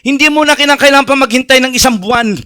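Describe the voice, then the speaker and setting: A man delivering a sermon in a very high, bright and forceful voice. He alternates between emphatic declarations and quiet, low asides, peppered with rhetorical questions to the congregation. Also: quick pace. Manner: swings between loud emphatic lines and hushed low ones; preaches with repeated restarts and rhetorical questions. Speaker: pastor. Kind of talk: sermon mixing Tagalog and English.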